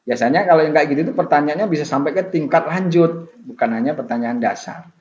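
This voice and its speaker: A man's voice: on the high side, fast, a little mellow. A man giving an online tutorial lecture as a university tutor, explaining casually with many fillers and repetitions. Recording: roomy, dull sound with faint noise.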